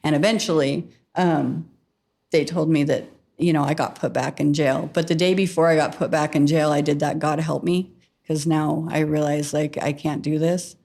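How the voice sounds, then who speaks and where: Podcast guest, middle-aged woman, low voice, frank storyteller who laughs easily. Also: fairly even intonation, normal speed, creaky, darkish tone. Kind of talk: candid storytelling.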